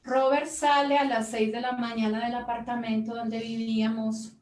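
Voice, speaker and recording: A woman's voice: fairly high pitch, level tone, moderate pace, roomy sound, distant mic, poor audio. A mother giving an emotional personal testimony, telling her story earnestly and acting out the dialogue she quotes.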